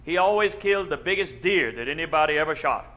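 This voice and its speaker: A man's voice: fairly high pitch, expressive, quick pace, fairly bright tone. A man voicing an exasperated, devoted wife who complains and pleads plaintively in a comic story. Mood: exasperated, pleading.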